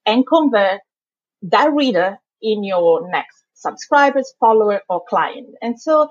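A woman's voice: mid-range voice, expressive, a little slow, dry recording, highs cut off. A woman from Italy with a thick Italian accent, a guest explaining blogging and its legal side in a casual interview, chatty and often laughing.

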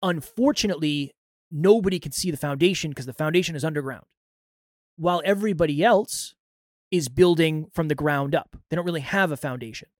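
Higher-voiced man, motivational podcast host. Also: brisk, no echo, studio quality. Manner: life-coach delivery, earnest and explanatory with analogies. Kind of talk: motivational self-improvement podcast talk.

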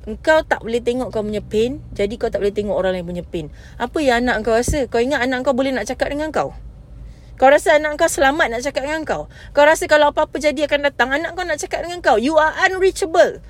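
A Malaysian woman in her thirties carries her podcast alone, her high voice charged with anger and frustration. She switches freely between Malay and English and keeps calling her listener babe. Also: fast. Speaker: podcast host. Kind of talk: impassioned podcast monologue.

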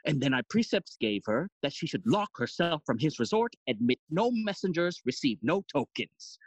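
In an audio play of Shakespearean stage acting, an actor plays a fussy, long-winded old male counsellor who is self-important and constantly interrupts himself. The delivery is very animated, medium-pitched, at normal speed, theatrical and rambling, with no echo.

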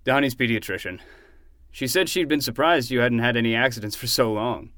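A man's voice: medium pitch, fairly quick, fairly bright tone, no echo, studio quality, close to an everyday voice. A man playing an easygoing, good-humored uncle in a fiction podcast, casual and teasing. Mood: gently cautioning.

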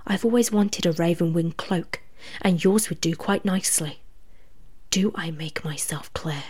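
A woman voicing a ruthless female rabbit demon commander who speaks coldly and drops into low, menacing whispers. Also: normal speed, clear, resonant tone, natural voice. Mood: whispered threat. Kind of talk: storybook reading.

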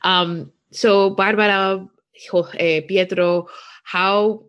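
A woman hosting and moderating a panel conversation in a friendly, halting way, mixing Spanish words into her English. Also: mid-range voice, fairly even intonation, clean tone, highs cut off. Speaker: host.

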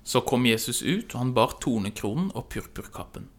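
A man narrating a dramatic scripture reading in a measured, expressive way. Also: mid-range voice. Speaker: scripture reader.

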